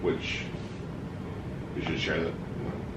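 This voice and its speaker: A middle-aged man chatting casually, unhurried and understated, with some hesitation. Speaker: vlogger's partner, co-answering questions. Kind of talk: casual chat. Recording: roomy echo, faint background noise.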